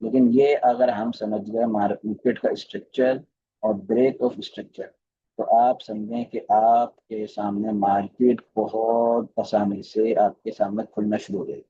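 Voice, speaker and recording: A man's voice: on the low side, level tone, measured pace, warm tone, lo-fi sound, slight background noise. A man teaching a recorded live class on chart reading, speaking with a flavour and often repeating phrases and putting questions to his students. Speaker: trading course teacher.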